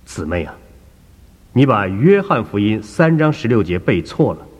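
A serious male doctor, as a preacher puts him on, speaking softly and gravely. His tone is husky and measured, with a long echo from a large hall. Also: deep voice, lively intonation.

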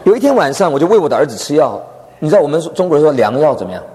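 A man's voice: a little high, very animated, racing. A middle-aged or older man, a pastor giving a humorous sermon, joking and self-deprecating. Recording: echoey hall with background noise.

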